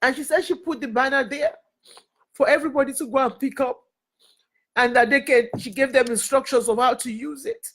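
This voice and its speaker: A woman with a high voice gives an earnest motivational talk as a mentor. She speaks in a preacherly way and circles back to repeat key phrases for emphasis. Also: steady tone, brisk, a bit bright. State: crying and laughing at times. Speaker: mentor and network leader.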